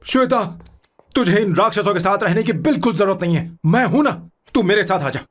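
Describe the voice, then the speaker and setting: A husky lovesick young boss. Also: male voice, sits high, animated, brisk. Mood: indignant. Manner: pleading then indignant. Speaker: film character. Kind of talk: dubbed film dialogue. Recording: film soundtrack with faint music.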